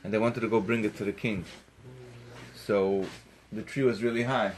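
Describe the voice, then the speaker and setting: A man teaching a Torah lesson through an animated story and acting out its characters. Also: fairly low pitch, normal speed, a little hiss or hum. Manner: animated, acts out the characters, rises to emphatic peaks.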